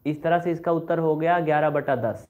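A man's voice: on the high side, brisk. A man gives a chatty online maths lesson. He scolds his students a little and goes over each step again. The sound is thin and phone-like. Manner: chatty, scolding and repeating steps. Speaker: maths teacher.

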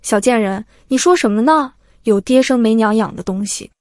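A woman voicing a shrill, vulgar middle-aged mother who shrieks insults and wails theatrically. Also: moderate pace, darkish tone, no echo, studio quality, natural voice. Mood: spiteful. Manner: shrieking abuse, theatrical wailing.

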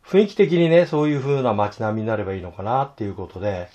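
A hoarse man teaching fountain pen illustration, talking to himself in halting asides as he draws. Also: fairly low pitch, very animated, warm tone, muffled recording. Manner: talks to himself while drawing, halting, murmured asides. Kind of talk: casual drawing tutorial.

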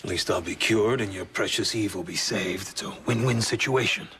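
A man's voice: on the low side, normal speed, background noise, natural voice. An actor playing a bitter, scheming male captor in a soap opera, with a sneering manner. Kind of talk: daytime soap drama acting.

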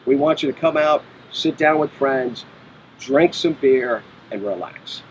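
A man's voice: mid-range voice, a little slow, slight background noise, poor audio. A middle-aged man, a brewery owner being interviewed, explaining in a matter-of-fact way on an outdoor patio. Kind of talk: casual interview. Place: outdoor patio by a brick wall.

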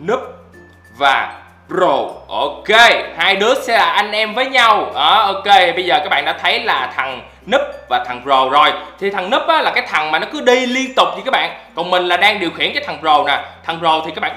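Excitable gaming commentator. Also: male voice, a little high, echoey room. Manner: excitable, frequent loud exclamations. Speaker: gaming YouTuber. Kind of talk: gameplay commentary.

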